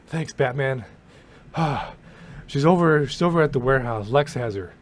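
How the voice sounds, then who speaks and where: A man's voice: mid-range voice, lively intonation, moderate pace, close to an everyday voice. A man voicing Superman as a choked hero, gasping and pleading between words. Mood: strained pleading.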